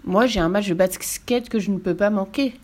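An apologetic young forest friend, read by a woman in a children's story, speaks in her plain reading voice. He turns down an invitation with a quick excuse. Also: medium pitch, a little mellow, natural voice. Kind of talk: storybook voice acting.

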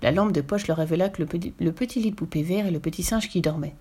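A woman reading a children's story aloud with lively, expressive storytelling. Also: fairly low pitch, fast talker, slightly rough.

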